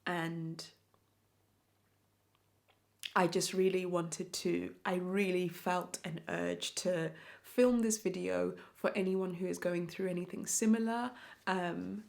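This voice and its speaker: A young woman vlogger, born in Zimbabwe and raised in South Africa, speaks to camera in an earnest, reflective personal confessional. Her voice is low, creaky and darkish, with a steady tone and a slow, measured pace.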